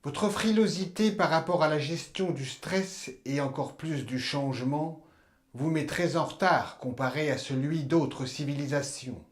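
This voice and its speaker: A man playing an aloof alien emperor who lectures humans in a formal, measured, detached way in a science-fiction drama. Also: on the high side, natural voice. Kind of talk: scripted science-fiction monologue. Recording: loud background noise and ambience.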